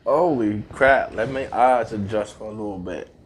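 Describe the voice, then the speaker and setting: A woman's voice: very deep voice, moderate pace, slight background noise. A young woman co-hosting a casual food-tasting video, blunt and profane and laughing often. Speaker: co-host. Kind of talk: casual chat.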